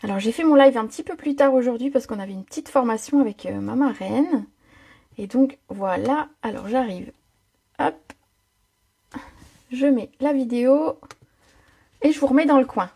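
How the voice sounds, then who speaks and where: A woman's voice: a little high, normal speed, creaky, long pauses, dark tone, husky. A woman hosting a live card-making tutorial, chatty and full of fillers, greeting viewers by name as she demonstrates. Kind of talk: live-streamed craft tutorial. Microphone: home setup, own mic.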